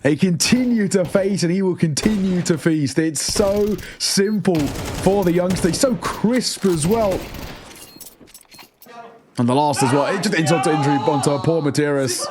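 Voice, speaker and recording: A man's voice: on the high side, moderate pace. A man working as an esports caster, mixing conversational analysis with play-by-play commentary on a live match. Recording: clear background noise behind the voice.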